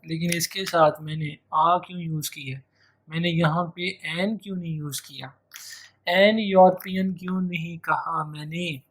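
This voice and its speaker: A man's voice: a little high, a bit bright. Man teaching grammar. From Pakistan. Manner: repeats key phrases, stretches out example words. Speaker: English teacher. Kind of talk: exam-prep grammar lecture.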